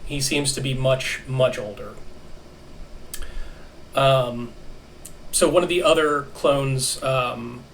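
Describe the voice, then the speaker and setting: A man narrating as game master of a tabletop role-playing session, halting with many fillers. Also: mid-range voice, vocal fry, a bit bright, slight background noise. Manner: halting, many ums and restarts. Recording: distant mic with faint ambience.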